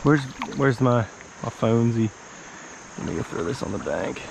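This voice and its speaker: An American fishing vlogger in his thirties chats folksily to viewers by a small wooded creek, recorded on an action camera. His medium-pitched voice is expressive and creaky, at a normal speed. Insects and outdoor ambience fill the background.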